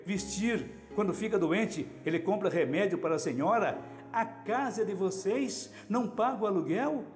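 A man's voice: high-pitched, darkish tone. A man voicing an exasperated adult daughter who pleads with her mother and fires scolding questions. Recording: echoey hall with music underneath.

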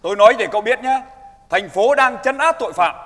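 A commanding old street head. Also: male voice, extremely high pitch, lively intonation, fairly quick, fairly bright tone, big-room sound. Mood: firm. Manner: commanding, peacemaking. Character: elderly male street head, firm veteran leader.

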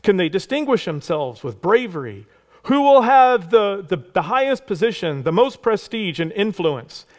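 Pastor guy preaching, pretty high voice, chatty storyteller w/ side jokes. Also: big pitch swings, moderate pace. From Texas. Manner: conversational storytelling with asides. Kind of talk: sermon. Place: church sanctuary.

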